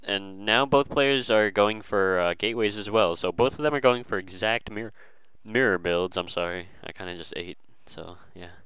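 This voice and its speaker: A man's voice: lowish voice, moderate pace, hardly any pauses, a bit bright, smooth, no room sound, poor audio. A man casually commentating a strategy game, hesitant and full of fillers and restarts.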